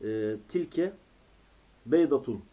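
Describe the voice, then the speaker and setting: Guy reading out and translating, kinda hesitant, husky mellow voice, muffled old worn tape. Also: medium pitch, expressive. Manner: hesitant, halting with filler sounds. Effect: recorded on old worn cassette tape. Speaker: student. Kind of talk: reading aloud and translating in a lesson.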